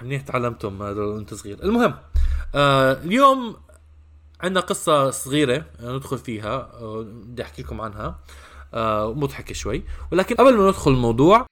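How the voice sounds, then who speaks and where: Male podcast host, Levantine Arabic accent, quick casual delivery, informal with some English mixed in. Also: mid-range voice, a bit bright. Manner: informal, mixes in occasional English words. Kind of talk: casual conversational podcast chat.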